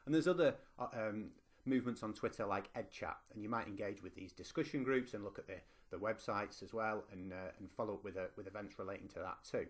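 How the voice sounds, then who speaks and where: A middle-aged university lecturer and teacher from northwest England, with a Lancashire accent, speaks in a fairly low voice and talks fast. He's giving a conversational online conference presentation to teachers, full of ums and restarts.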